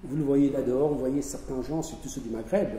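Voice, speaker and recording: A man's voice: mid-range voice, brisk, dark tone. A man speaking as an author to an audience, emphatic, repeating his phrases and acting out little dialogues. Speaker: author speaking at a public event. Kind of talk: spontaneous talk to an audience. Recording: echoey hall, voice from far off, faint noise.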